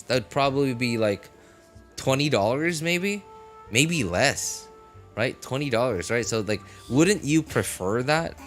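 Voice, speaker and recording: In a casual, rambling livestream chat, a male streamer talks through his reasoning, making his points conversationally and frequently checking in with quick questions. His voice is medium in pitch and fairly bright, with music in the background.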